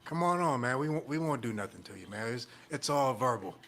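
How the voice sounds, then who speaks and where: A man's voice: medium pitch, lively intonation, fairly quick, fairly bright tone, a little hiss or hum. A man in casual chat, talking in a loose, repetitive, slangy and profane way.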